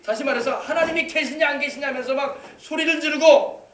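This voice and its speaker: A man's voice: extremely high pitch, steady tone, fairly quick, fairly bright tone. A male pastor preaching an emphatic sermon, exhorting the congregation with rhetorical questions. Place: church sanctuary. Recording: echoey church hall, mic at a distance.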